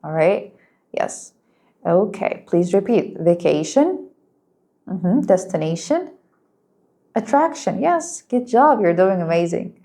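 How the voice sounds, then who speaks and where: A woman whose first language is Arabic teaching an English lesson, speaking slowly and clearly and praising her students. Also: lowish voice, sing-song, mellow. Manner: patient, encouraging, slow and clear, explains in Arabic too.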